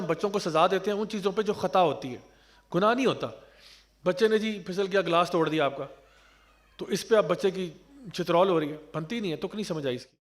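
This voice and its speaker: A man giving an earnest religious talk on parenting, explaining point by point and mixing in English terms. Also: high voice. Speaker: Islamic speaker.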